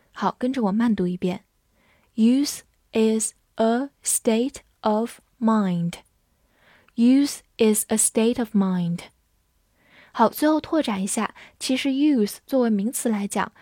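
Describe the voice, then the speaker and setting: Woman teaching english words, spells them out letter by letter, slow careful example readings, dead dry sound. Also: mid-range voice, a little mellow, no room sound. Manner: clear, patient explaining. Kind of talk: scripted vocabulary lesson.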